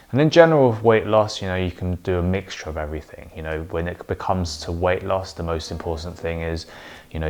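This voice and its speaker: Man, late twenties, from London, casual vlog chat, very low voice, faint music underneath. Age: late 20s. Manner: relaxed, rambling with many fillers. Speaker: vlogger.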